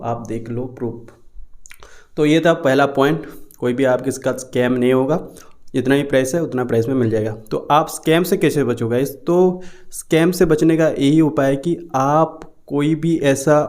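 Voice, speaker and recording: A man's voice: medium pitch, a little mellow. Young Indian man vlogging casually. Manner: chatty, repetitive, reassuring, many fillers and restarts. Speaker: YouTube crypto vlogger. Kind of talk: casual Hindi-English vlog talk. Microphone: cheap unreliable microphone.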